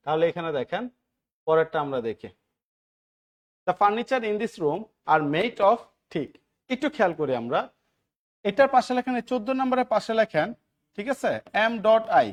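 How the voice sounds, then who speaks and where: High-voiced male Bangladeshi English tutor. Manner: keeps asking the class short check questions and answering them himself; grows louder and more emphatic while stressing points. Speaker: teacher. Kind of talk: English grammar lesson for job exam students.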